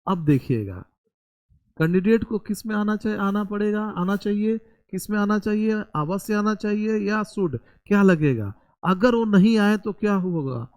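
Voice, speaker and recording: A man with a high-pitched, somewhat mellow voice, speaking at a moderate pace, teaches English grammar aloud. He asks his students questions and answers them on his own, explains methodically, spells words out letter by letter, and keeps calling the listener "brother."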